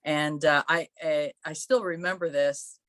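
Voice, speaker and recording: Clean studio sound with no room noise frames a woman's low-pitched, steady, unhurried voice. Born in Croatia, she's a musician being interviewed casually on a podcast, telling warm, chatty stories punctuated by laughter.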